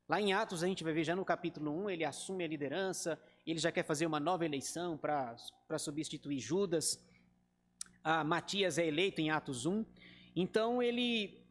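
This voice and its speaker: In a large hall, a high-voiced pastor with a Brazilian Portuguese accent teaches a Bible study in a conversational style. He addresses the group directly, performing quoted speech as he goes.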